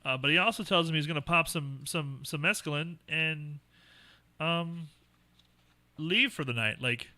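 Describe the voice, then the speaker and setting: Bright, rambling man hosting a book chat. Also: on the high side, a little slow. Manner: rambling, many fillers and restarts. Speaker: book club host. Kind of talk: casual livestream book chat.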